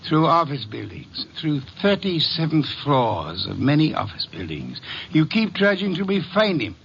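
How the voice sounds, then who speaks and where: Imperious older master detective: precise, pompous, bright and creaky, on dull vintage radio. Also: male voice, a little high, huge pitch swings, a little slow, a little hiss or hum, heavily acted. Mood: insistent, dry. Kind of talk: 1940s-50s radio detective drama acting.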